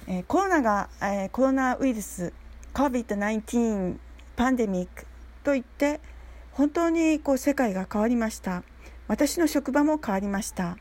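Woman, fairly high but mellow voice, earnest and halting delivery, speaks with fillers. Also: expressive. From Nagasaki, Japan. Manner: earnest, halting, searching for words. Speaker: speaker sharing a personal story. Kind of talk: prepared personal talk with frequent fillers.

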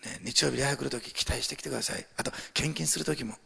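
An older man preaching a sermon as pastor, chatting with the congregation and swinging between near-whispers and loud, rising exhortation. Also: medium pitch, fast, vocal fry, slightly rough. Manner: talks to the congregation with questions and asides. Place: church sanctuary. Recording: long hall reverb.

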